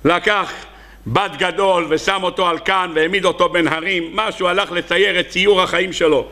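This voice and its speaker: High gravelly rabbi with an Israeli accent. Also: male voice, fairly even intonation, sharp tone. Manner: storytelling, acting out characters with sudden high cries. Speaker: rabbi preaching. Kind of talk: Hebrew sermon with acted parables.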